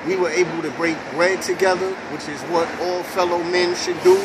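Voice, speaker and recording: A middle-aged man, from Brooklyn, leading a spoken prayer in a preacherly, measured way, recorded on a phone at night on a city sidewalk under an elevated train. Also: high voice, steady tone. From Brooklyn, New York. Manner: preacherly, measured, emphatic pauses. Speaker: prayer leader in an online group. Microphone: phone camera at arm's length. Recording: very loud passing train noise outdoors.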